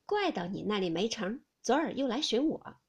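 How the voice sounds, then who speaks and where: A woman voicing a sharp-tongued young noblewoman who teases and gives orders briskly, read as part of a classic novel audiobook. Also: on the high side, big pitch swings, slightly rough, heavily acted. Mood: teasing. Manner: teasing, brisk.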